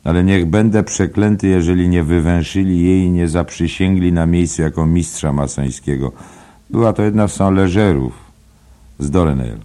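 A man's voice: low voice, normal speed, dark tone, pitched above the performer's own voice, close to an everyday voice. A man voicing a gossipy older male barfly who swears by God, in an audiobook. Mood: gossiping. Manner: knowing, confidential, emphatic oaths. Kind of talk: audiobook character voice.

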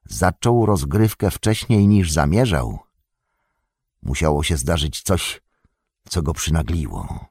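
A man's voice: animated, a little mellow, breathy edge, dry recording, clean studio sound, exaggerated voice. A man reading as Gandalf, a grave old wizard. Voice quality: deep, slow and measured, drops to a whisper. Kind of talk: audiobook reading.

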